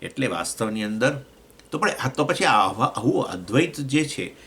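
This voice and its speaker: A man with a Gujarati accent teaching a scripture class, explaining with questions to his listeners and swinging between raised points and low asides. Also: big pitch swings, normal speed, a bit bright. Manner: explains with questions to listeners, acts out voices of elements. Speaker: swami teaching Vedanta.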